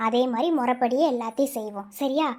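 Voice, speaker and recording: A woman's voice: on the high side, quick pace, a little mellow, close to an everyday voice. Woman putting on a firm, reassuring mother. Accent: Madurai Tamil. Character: middle-aged mother, firm, reassuring matriarch. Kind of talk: cartoon voice acting.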